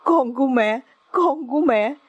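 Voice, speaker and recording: A woman reading aloud, putting on a mother who weeps softly and tenderly over her son. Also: sits high, measured pace, husky, no echo, dull audio.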